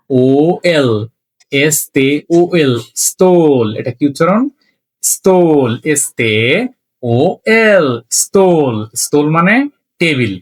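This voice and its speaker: A man teaching a beginner language lesson, slowly spelling out words letter by letter and often checking in with his listeners. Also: medium pitch. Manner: slow, repetitive spelling out letter by letter.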